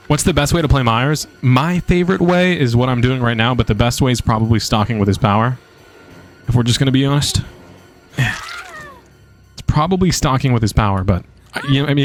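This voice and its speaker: A man streaming a video game and commentating live, casual and excitable, swearing freely. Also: medium pitch.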